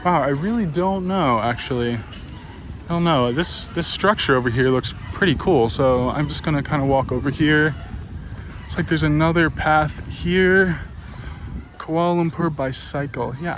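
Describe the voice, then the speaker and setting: A man's voice: a little high, a bit bright, a little hiss or hum, rough recording. Rambling young man vlogging in a park. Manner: rambling, musing, many fillers and restarts. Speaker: travel vlogger. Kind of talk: casual walking vlog. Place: outdoor city park.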